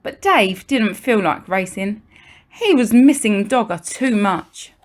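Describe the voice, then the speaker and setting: A woman with a mid-range voice and lively intonation reads a children's storybook aloud in a primary-teacher style. Her delivery is expressive, built on deliberate pauses and emphasis aimed at young listeners.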